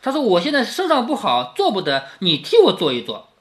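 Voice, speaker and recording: A man's voice: high-pitched, wildly swooping pitch, fairly quick. A man reading a classic novel aloud to his daughter, retelling each passage in plain words and often checking with her with little questions. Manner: keeps checking with questions like "right?".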